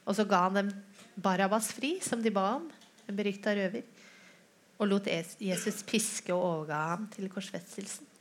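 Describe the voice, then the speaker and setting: A woman preacher retelling a scripture story in a sermon, with asides to the listeners and quoted lines acted out in a raised voice. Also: mid-range voice.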